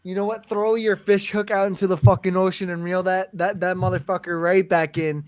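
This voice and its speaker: A playful, teasing host who swears freely while throwing questions to the others. His voice sits fairly high for a man. The sound is dry and close. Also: little pitch movement, fairly quick, dry recording. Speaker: podcast host. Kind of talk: casual chat.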